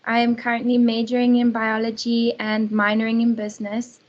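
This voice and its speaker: Young woman, student panelist, monotone, muffled call sound. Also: a little high, normal speed. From South Africa. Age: young adult. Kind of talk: casual panel answer. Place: video call. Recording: slightly dull call audio.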